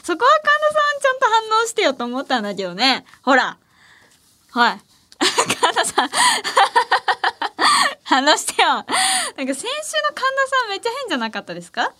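A woman's voice: very high voice, wildly swooping pitch, moderate pace, long pauses, sharp tone. A young woman hosting a late-night radio show, chatting casually in a playful, teasing way and laughing often. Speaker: radio host. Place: radio studio.

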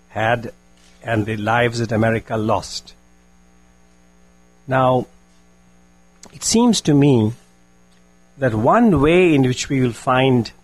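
An older man with an Indian accent giving reflective answers at a public talk, measured and solemn with long deliberate pauses. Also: mid-range voice, breathy edge, low-quality recording. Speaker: guest speaker.

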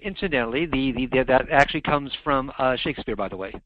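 A man's voice: mid-range voice, expressive, fast, slight background noise. A man guest author chatting in an interview over a landline phone, self-deprecating and talkative. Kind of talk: casual interview chat. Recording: muffled landline phone line.

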